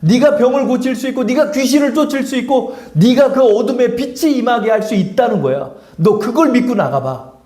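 A blunt, fatherly God who scolds and urges his listener on, as a preaching man puts him on. The lively voice climbs and falls widely as it presses its point. It rings out through an echoey church hall. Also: very high voice, fairly quick, pitched above the performer's own voice. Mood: urging. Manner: blunt, scolding casual speech. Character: God speaking, firm fatherly male voice.

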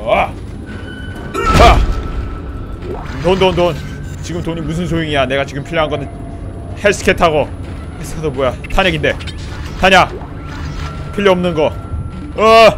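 A man doing let's play commentary on a horror game, pleading with and yelling at enemies in a panic, then muttering to himself as he plays. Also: on the high side, normal speed, long pauses. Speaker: gameplay commentator. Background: loud horror game music and sound effects.

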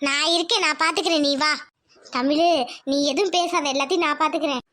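A bold young village woman in a cartoon, bossy and protective toward her friend, as a woman voices her. Her voice is pitched up to a squeaky height and sounds bright and sharp. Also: steady tone, fast talker, no room sound. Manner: bossy, reassuring, rustic Tamil speech.

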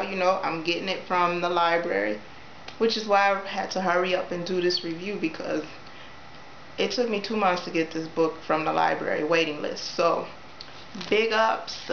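A chatty young woman with a fairly low voice gives an enthusiastic, filler-heavy book review straight into her camera. The sound is roomy and dull, like cheap built-in camera audio, with a faint hiss under it. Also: fairly bright tone. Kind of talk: casual book review vlog. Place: small room indoors.

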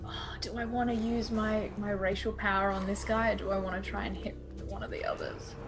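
A woman's voice: mid-range voice, level tone, brisk, music in the background. A woman playing a tabletop game, thinking aloud over her rolls. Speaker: player. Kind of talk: casual tabletop play.

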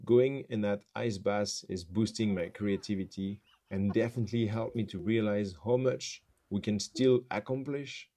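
Man, thirties, low pitch, dark relaxed tone, vlog voice-over. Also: normal speed, few pauses. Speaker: vlogger and painter doing a challenge. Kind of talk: scripted voice-over narration.

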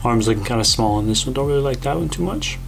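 A young man in his twenties talks through a home vlog voiceover in an easy, rambling way, full of fillers. His pitch sits in the middle of the range. Clear background music runs under his voice. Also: quick pace. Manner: relaxed, rambling with many fillers. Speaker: fitness vlogger.

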